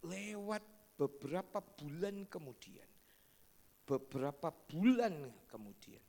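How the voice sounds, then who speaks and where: A man preaching a sermon as pastor, animated and storytelling, acting out family members' voices. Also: a little high, slow, creaky. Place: large church hall. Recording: long church hall reverb.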